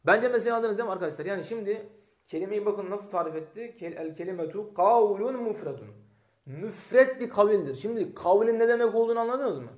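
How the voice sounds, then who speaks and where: High-voiced man teaching grammar. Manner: asks students rhetorical questions; reads Arabic text aloud, then explains. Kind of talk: classroom lesson. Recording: echoey room.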